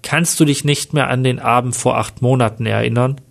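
A man's voice: medium pitch, steady tone, brisk, creaky. Grumpy hotheaded investigator guy, a man reading him, plain storybook voice. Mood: agitated. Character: bitter, hot-tempered middle-aged male investigator.

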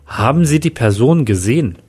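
A man's voice: medium pitch, animated, normal speed, darkish tone, husky. A man voicing a stern male paranormal investigator who asks curt questions.

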